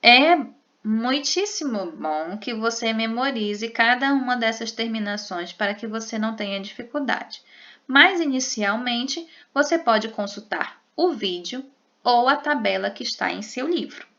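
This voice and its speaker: Slow, gravelly woman teaching grammar. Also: a little high, expressive, fairly bright tone. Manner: slow, careful drilling of verb endings. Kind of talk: Portuguese grammar lesson. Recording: dull lo-fi recording.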